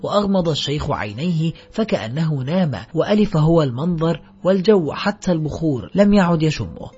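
Husky man reading a novel aloud. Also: fairly high pitch, darkish tone. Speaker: audiobook narrator. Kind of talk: scripted literary narration. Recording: slightly dull recording, faint music.

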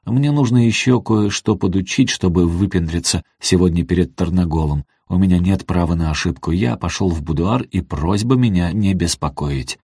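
A man reading an audiobook, voicing a brisk, self-absorbed banker husband. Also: low-pitched, dark tone, slightly rough, no room sound, studio quality. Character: hurried ambitious banker husband.

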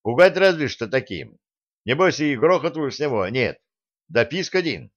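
A hot-tempered medieval prince, put on by a male narrator, loud and domineering, raising his voice above the reader's own. His mockery comes through a dull, lo-fi recording. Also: medium pitch, very animated, normal speed, voice pushed up. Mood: mocking. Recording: dull lo-fi sound.

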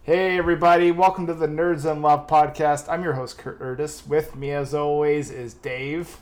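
A man's voice: a little high, fairly even intonation, normal speed. A man hosting a comedy podcast, joking around and reading listener emails aloud. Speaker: podcast host. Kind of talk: casual comedic podcast chat.

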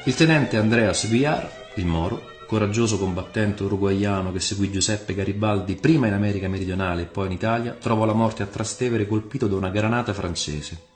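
A man narrating a scripted historical story in a measured storytelling manner. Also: lowish voice. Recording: roomy room with faint music.

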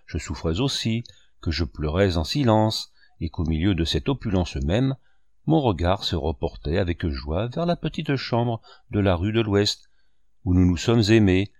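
A man's voice: sits low, a little mellow, no echo, full character voice. A man reading a novel aloud, voicing a young woman who is anxious and pleading with emotion.

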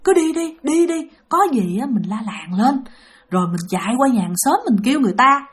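Woman doing a hushed, bossy teenage brother. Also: a little high, expressive, fairly quick, natural voice. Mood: coaxing. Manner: hushed, urging. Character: curious teenage boy, big brother, bossy.

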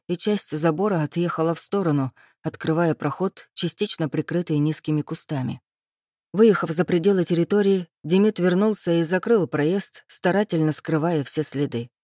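Measured woman reading an audiobook. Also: fairly low pitch, warm tone, dry recording, clean studio sound. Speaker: audiobook reader. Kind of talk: first-person audiobook narration.

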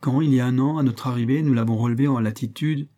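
A man's voice: mid-range voice, fast talker, mellow, lightly acted. A man reading aloud, voicing an agitated male astronomer who exclaims in a strangled, indignant way. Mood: insistent.

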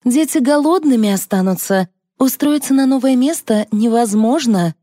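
A woman voicing two pushy middle-aged women who coax and pressure a friend in quick lines. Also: a little high, warm tone, no room sound, clean studio sound, voice pushed up, lightly acted. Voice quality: pleading, pushy.

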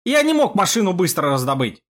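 A man doing an eager young driver. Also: fairly high pitch. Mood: excited. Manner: quick, excited exclamations. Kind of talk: audiobook character voice.

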